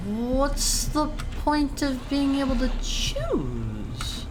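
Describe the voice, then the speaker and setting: A woman streamer chatting casually while gaming, haltingly repeating words and phrases as she goes. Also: high voice, wildly swooping pitch. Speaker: video game streamer. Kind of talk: casual game streaming chat. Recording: clear background game noise.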